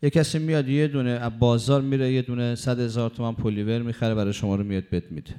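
Man preaching in a chatty storytelling way, mid pitch, dark mellow voice. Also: clear, resonant tone. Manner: conversational, lively storytelling with laughs. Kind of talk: storytelling sermon.

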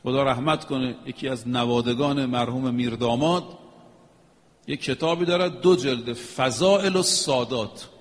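A man preaching a religious sermon, emphatic and rhythmic, chanting Arabic phrases now and then. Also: medium pitch. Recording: long echo of a hall.

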